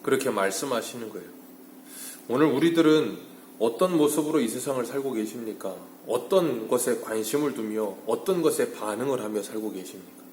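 A male pastor preaching an early-morning sermon, asking rhetorical questions and moving between hushed and emphatic delivery. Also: medium pitch, a little fast, reverberant, slight background noise. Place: church sanctuary.

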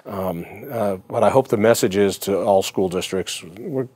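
Interview host guy, earnest, kinda low voice, dry close sound, restarts a lot. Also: a little slow, warm tone, dry recording. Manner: earnest, personal, with repeated restarts. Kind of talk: interview conversation.

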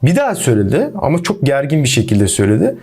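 A young man giving relationship advice in a lively monologue, speaking directly to his viewers as friends. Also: mid-range voice, quick pace, creaky, slightly rough.

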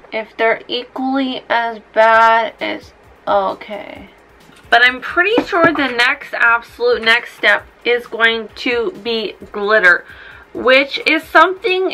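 A woman's voice: fairly high pitch, bright, forceful tone, low-quality recording. A woman in her twenties chatting through a casual makeup tutorial in a tipsy, rambling, blunt and sweary way. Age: 20s. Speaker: makeup vlogger. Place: small room indoors.

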